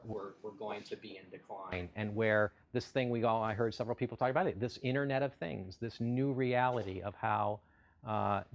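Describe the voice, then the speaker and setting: A man's voice: medium pitch, lo-fi sound. A middle-aged man giving a corporate keynote with polished enthusiasm, repeating phrases for emphasis. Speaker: CEO keynote speaker.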